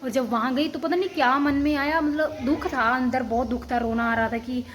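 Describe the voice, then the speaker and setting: Chatty young woman vlogger, higher voice. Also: steady tone, fairly quick, slight background noise. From Himachal Pradesh, India. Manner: rambling, chatty, many restarts and fillers. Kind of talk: casual storytelling to camera.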